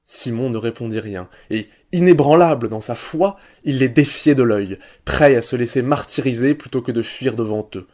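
A male narrator reads a classic tale aloud, measured and expressive. His voice is mellow and dark, with a middle pitch. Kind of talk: literary audiobook reading.

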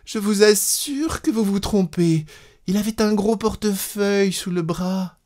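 Man playing frightened, tearful young bride; high, pleading, slow. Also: a little mellow.

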